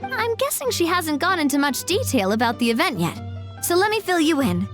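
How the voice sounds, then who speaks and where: Acting in an animated video game, a woman voices a gracious young company president. She speaks in a high, melodic voice, polite and composed with a light teasing edge.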